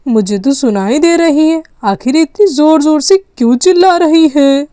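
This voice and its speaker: A woman voicing a playful, always-hungry little boy in a doll story, talking in an eager, excitable way. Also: sits high, moderate pace, no echo, clean studio sound. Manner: eager, excitable kid talk. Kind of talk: doll story role-play.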